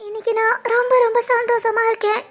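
Woman voicing a squeaky young village wife. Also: little pitch movement, fast talker. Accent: Tirunelveli Tamil. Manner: soft, tearful, pleading. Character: young pregnant village wife, tender and emotional. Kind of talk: animated family drama voice acting.

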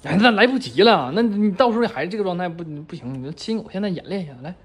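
A woman's voice: on the low side, expressive, fast talker, slightly rough. A woman playing a cheeky, eager, stammering young friend posing as a boyfriend in a comedy skit. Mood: cheeky, coaxing. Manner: bumbling, stammering, giggly.

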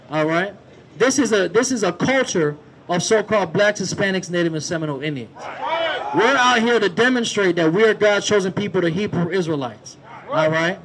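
A man preaching on the street to passersby, talking outdoors, repeating "all right?" and "man" and rising to shouted exhortation. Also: high-pitched, poor audio.

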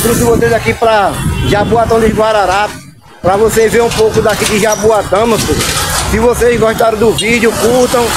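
A fairly high-pitched man with a northeastern Brazilian Pernambuco accent, talking casually to his viewers as he walks outdoors through town. He keeps turning to the audience with familiar calls as he goes. Music plays clearly behind him, and street traffic adds noise. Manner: chatty, keeps calling viewers "my people" and "gang". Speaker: vlogger and channel host. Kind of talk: casual vlog chat to viewers.

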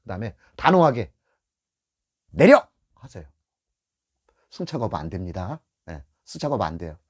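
Animated middle-aged man giving blunt tips. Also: fairly low pitch, a little fast, breathy edge. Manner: animated, acts out scenes from the road; blunt, repeats key advice. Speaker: taxi driver giving tips to beginners. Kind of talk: casual spoken lesson.

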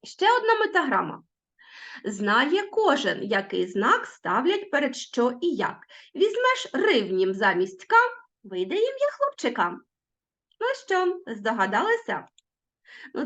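Woman, teacher, recorded lesson, sing-song delivery, lively swooping pitch, dull lo-fi sound. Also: measured pace.

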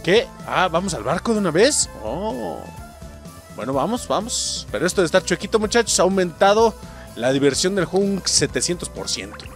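A man's voice: sits high, normal speed, soft background music. A young adult man with a Mexican accent giving casual, profane gameplay commentary and keeping up a running chat with his viewers. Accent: Mexican Spanish. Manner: excitable, profane, keeps addressing the viewers. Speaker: let's play host.

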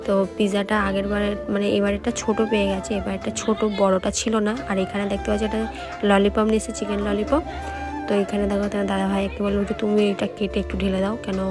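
Fast-talking woman, vlog voice-over. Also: mid-range voice. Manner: chatty, talks viewers through the day. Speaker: vlogger. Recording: voice-over with music behind.

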